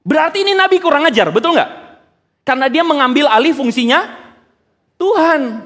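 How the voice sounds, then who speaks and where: A man preaching a sermon in an animated way, full of rhetorical questions and casual slang, in a church hall. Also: extremely high pitch, fairly quick. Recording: long hall reverb.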